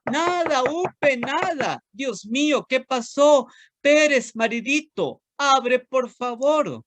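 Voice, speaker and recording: A man with a Costa Rican accent voicing a fretful little female ant from a children's poem, in a high, anxious, pleading voice. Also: animated, slow, fairly bright tone, exaggerated voice. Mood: distraught.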